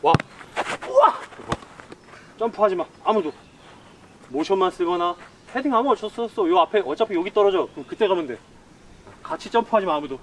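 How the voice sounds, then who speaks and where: With lively intonation, a man in his thirties coaches football players on an outdoor pitch through brisk instructions and commands. He's recorded from a distant camera, with a little hiss or hum.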